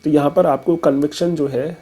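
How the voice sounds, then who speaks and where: Husky-voiced man teaching with stories. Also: on the high side, fairly even intonation, fairly quick, mellow, low-quality recording. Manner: story-driven, casual, mixes in English terms. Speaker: educator. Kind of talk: explaining a memory trick.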